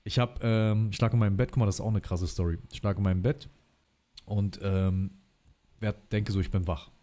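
A man's voice: lowish voice, fairly even intonation, fairly quick, warm tone. A man talking as a guest in a casual livestream chat, telling long personal stories in slangy, chatty speech and calling the host brother.

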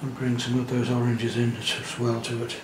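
A man demonstrates a watercolour painting in his studio, speaking in a relaxed, chatty way as he works. His voice is mid-pitched and carries a noticeable room echo. A faint background hum sits beneath him. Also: moderate pace. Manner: gentle, chatty, thinking aloud while painting. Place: indoor studio at the easel.

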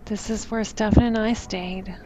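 A woman narrates her own travel footage in a relaxed, joking way, poking fun at herself as she goes. Her pitch stays fairly flat and even. A clear layer of background noise runs under the voice. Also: moderate pace. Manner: chatty, self-mocking. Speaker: vlogger. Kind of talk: casual voice-over narration.

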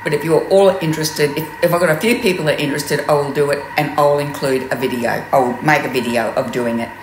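A woman's voice: low-pitched, quick pace. A woman in her sixties with an Australian accent, giving a chatty, rambling cooking tutorial in her home kitchen, with plenty of ums. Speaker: cooking demonstrator. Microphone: camera mic from mid distance. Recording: roomy kitchen with steady noise.

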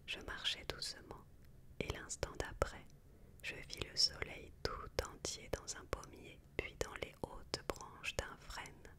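Library whisper, fully unvoiced, slow pace, soft ASMR book reading, measured pauses.

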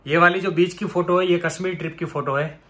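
A man in his thirties from India, raised in Rajasthan, chats casually as he walks viewers through his apartment room by room on a handheld phone for a house tour vlog. His voice is high-pitched and a bit bright, with a steady tone, and he talks fast.

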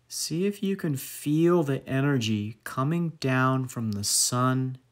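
A male meditation guide speaks at mid pitch, very slowly and measuredly yet animated, leaving lingering pauses between phrases.

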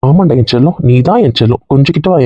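A man's voice: mid-range voice, animated, fast, warm tone, husky, no room sound, muffled recording. A man in a casual comedy skit, teasing and mock-threatening the others in a bossy way.

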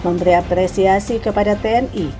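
A woman narrating a regional news report in an even, formal reading voice. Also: mid-range voice, a little fast, faint music behind. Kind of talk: scripted news voice-over.

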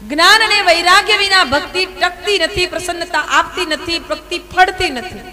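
A woman telling devotional scripture stories as a sermon, lively, with rhetorical questions and acted quotes. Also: extremely high pitch, normal speed, in a large hall, low-quality recording. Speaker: religious storyteller. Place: large hall at a temple event.

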